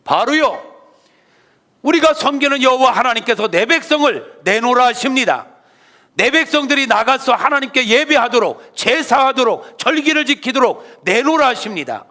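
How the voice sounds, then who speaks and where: A pastor doing a bold, insistent prophet. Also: male voice, very high voice, very animated, normal speed, bright, forceful tone, voice pushed up, exaggerated voice. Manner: formal, raised and insistent. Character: bold male prophet making demands of a king.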